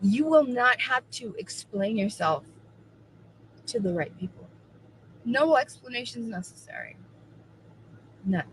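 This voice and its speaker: A woman's voice: on the high side, expressive, unhurried, pauses often, slight background noise, rough recording. A woman in her forties chatting casually on a livestream, emphatic and repeating her points for effect. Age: 40s. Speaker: co-host of a livestream.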